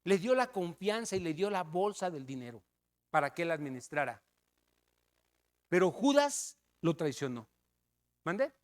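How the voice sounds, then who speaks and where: A man with a Mexican accent preaching a sermon, telling a story with loud emphasis and hushed asides. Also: on the high side, very animated, measured pace, pauses often.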